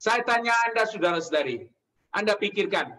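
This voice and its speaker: A male preacher delivering a sermon, speaking slowly and emphatically and addressing the congregation directly. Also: sits high, expressive, bright, forceful tone, low-quality recording.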